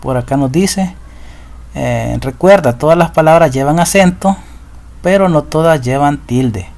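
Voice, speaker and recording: A man's voice: fairly high pitch, measured pace, vocal fry, darkish tone. A man teaching a recorded lesson, patiently explaining rules and often checking in with his students. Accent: Central American Spanish. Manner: patient, repeats rules and asks ¿verdad?.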